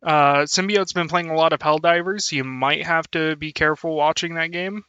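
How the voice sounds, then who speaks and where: A man's voice: a little high, steady tone, a little slow, sharp tone, clear, resonant tone, no room sound, dull audio. A young man chatting casually on a live stream, laughing often and thanking his viewers. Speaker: VTuber streamer.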